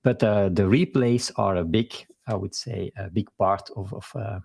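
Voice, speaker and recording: A man with a Belgian accent hosting a casual live stream interview over a video call, talking in a halting way with frequent fillers and restarts. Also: lowish voice, gravelly, a little mellow, breathy edge.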